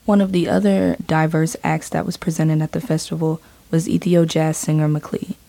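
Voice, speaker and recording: A woman interviewer asking plain, measured questions and giving brief narration. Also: low voice, level tone, vocal fry, warm tone, dry recording.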